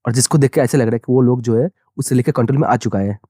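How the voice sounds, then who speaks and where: A male narrator retelling a manga story in a brisk, conversational recap. He moves through the plot quickly with a mellow, relaxed tone. The voice sounds close and dry. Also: medium pitch, no room sound.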